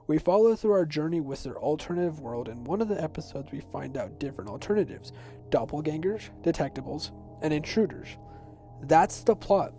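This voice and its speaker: Over background music, a teenage or young adult man talks through a semi-scripted video essay, keeping it informal and personal. He speaks on the high side, a bit fast, with an expressive yet mellow delivery.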